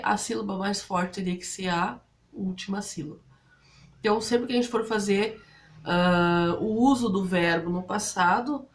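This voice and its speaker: A woman speaking Brazilian Portuguese, explaining English grammar rules to students step by step and often checking in with her listeners. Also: mid-range voice. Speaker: English teacher.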